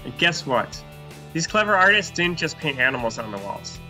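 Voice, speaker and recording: A man in his thirties teaches an online art lesson to young children against a virtual classroom backdrop indoors, upbeat and enthusiastic. His voice is on the high side, bright and forceful, with big pitch swings at a moderate pace, and soft music plays in the background.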